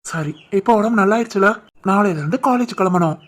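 A man voicing an affectionate, easygoing young husband who talks calmly and coaxingly, with a Tirunelveli Tamil accent. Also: high voice, a little fast, natural voice.

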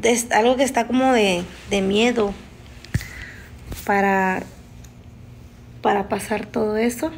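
A woman on a live stream telling a frightening personal story in a halting, emotional way, often restarting her sentences. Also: mid-range voice, fairly even intonation, vocal fry, slight background noise. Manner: halting, emotional, with frequent restarts and nervous laughs. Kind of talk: casual spoken storytelling.

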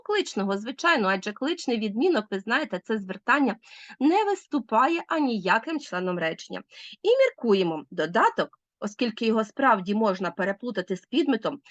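A woman's voice: a little high, no echo, lo-fi sound. A woman teacher giving a recorded grammar lesson, asking leading questions and answering them herself.

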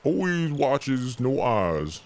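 A man's voice: mid-range voice, very animated, slow pace. Young male gamer, jumpy self-talk commentary, hums when nervous, noisy home recording. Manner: talks to himself, hums nervously, jokey and jumpy. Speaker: let's play gamer. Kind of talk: horror game let's play commentary.

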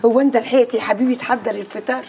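A woman's voice: fairly high pitch, fairly even intonation, racing, noisy background, close to an everyday voice. A woman with an Egyptian accent playing a doting, gossipy mother who fusses over her son.

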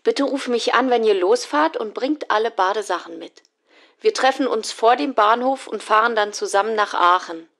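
A woman's voice: fairly high pitch, animated, moderate pace, fairly bright tone. An actress playing a friendly woman who leaves a carefully articulated answering machine message. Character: friendly woman leaving a private phone message. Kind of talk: scripted answering machine message for a German listening exercise.

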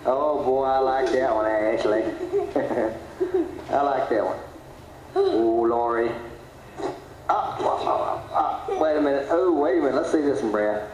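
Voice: mid-range voice, sing-song, takes it slowly, pauses often. Playful voice on an old hissy vhs tape. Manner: playful, cajoling, laughing. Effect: old VHS home-video audio. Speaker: camcorder operator filming family. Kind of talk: coaxing kids for home video. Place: family home during a holiday gathering. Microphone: built-in camcorder mic. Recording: hissy, echoey camcorder audio in a room.

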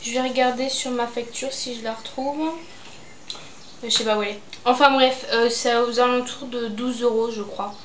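A woman's voice: fairly high pitch, fairly even intonation, moderate pace. A young adult woman chatting casually about her beauty and fashion purchases, hesitant with lots of fillers. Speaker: beauty vlogger. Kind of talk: casual haul chat. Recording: echoey room, faint noise.

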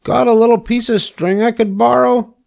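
A man voicing an eager, boastful young male pig in a storybook read-aloud, with excited exclamations. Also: very high-pitched, moderate pace, gravelly, pitched above the performer's own voice.

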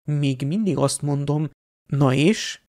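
A weary teenage boy wizard in a storybook reading, answering in a flat, reluctant mutter, as a man reads him. He sounds tired of the whole subject. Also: a little high, close to an everyday voice. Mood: weary, grudging. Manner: tired and grudging.

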